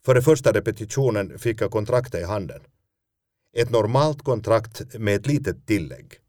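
A man's voice: lowish voice, expressive, darkish tone, no echo. A man, a stage actor, telling a first-person story in a dry, self-mocking way.

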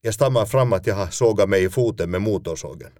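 A man's voice: lowish voice, darkish tone, no room sound. A man, a stage actor, telling a first-person story in a dry, self-mocking way.

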